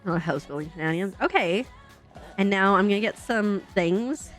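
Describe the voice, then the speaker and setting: Streaming a game, a young woman chats casually, upbeat and giggly, muttering to herself as she builds and sounding a bit congested. She has a medium-pitched, expressive voice at a moderate pace, with faint music behind her.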